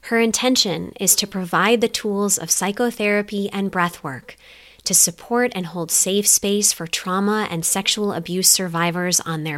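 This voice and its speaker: A woman hosts a podcast, guiding listeners and her guest with slow, gentle questions. Her voice sits a little low and the recording is dry and close. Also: no room sound. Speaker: podcast host. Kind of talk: guided meditation and interview.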